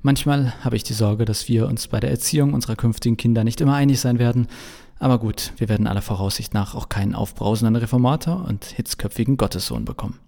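A man's voice: medium pitch, quick pace, gravelly, mellow. A male pastor telling a humorous sermon as a story, in a dry, wry way. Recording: long reverberant echo.

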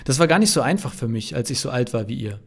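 A man voicing Jesus in a read-aloud novel, a calm, patient grown man who explains things gently and earnestly. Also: mid-range voice, fast, gravelly.

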